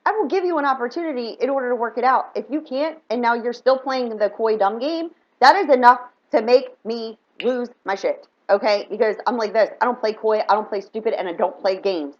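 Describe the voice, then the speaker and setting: Woman, fired up and emphatic, personal storytelling, acts out dialogue, fairly high voice, dull lo-fi sound. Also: fairly quick, few pauses. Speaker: spiritual reader and vlogger.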